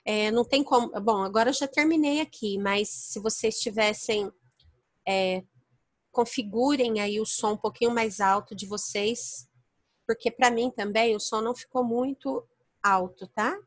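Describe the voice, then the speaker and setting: A woman's voice: a little high, a little slow, no room sound. A woman teacher with a Brazilian Portuguese accent giving an online class, explaining points step by step and checking that her students understand. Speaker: English teacher. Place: home, online virtual class.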